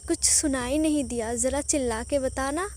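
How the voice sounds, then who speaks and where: A woman's voice: high voice, normal speed, darkish tone, a little hiss or hum, close to an everyday voice. Woman voicing a teasing mafia husband. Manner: teasing, smirking.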